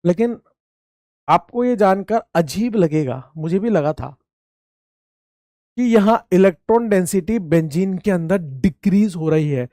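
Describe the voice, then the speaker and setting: With a high, animated voice and a dark tone, a man gives an informal chemistry lecture at a measured pace, chatting and teasing his students as if they were friends. He jokes around, repeats key points, and poses questions he answers himself. The studio-quality recording has no room sound.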